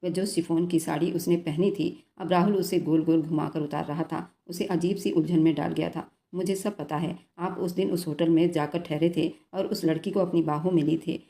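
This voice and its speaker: A woman narrating a romantic story in a steady, even reading voice. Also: low-pitched, normal speed, creaky, few pauses.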